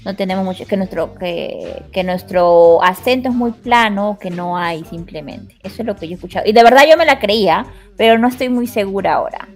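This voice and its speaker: A woman's voice: medium pitch, a little fast, hardly any pauses. Young Lima woman, Peruvian accent, chatty podcast co-host, faint music bed. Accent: Peruvian Spanish, Lima. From Peru. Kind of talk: casual panel chat.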